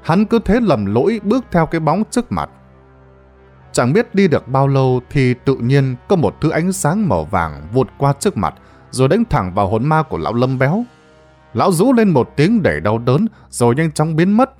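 A man narrating a ghost story in a dramatic, expressive storytelling manner. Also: medium pitch, normal speed, faint music behind.

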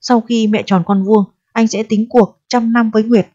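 A woman's voice: a little high, fairly even intonation, normal speed, mellow, no echo, lightly acted. A woman reading the lines of an evasive, self-serving young lover who coaxes and schemes in a storybook reading. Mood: coaxing. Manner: coaxing, then coldly calculating. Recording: dull, dry audio.

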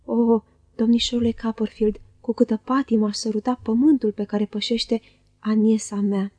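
A cringing, falsely humble young clerk who fawns and flatters in a soft, oily voice, read by a woman. The tone sits a touch high and mellow, recorded close and dry for an audiobook. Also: slightly rough, dry recording. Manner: oily, unctuous, soft-spoken.

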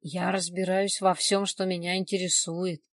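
A reader voicing a hoarse, shaken man who was just choked and keeps coughing, speaking in a raised, agitated voice. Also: sits high, flat delivery, normal speed, fairly bright tone, dry recording, clean studio sound. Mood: explaining.

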